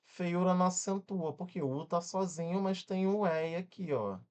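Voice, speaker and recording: A man whose voice sits high and smooth teaches exam-prep grammar with a Brazilian accent. Lively throughout, he checks in constantly with short questions and spells out words one syllable at a time.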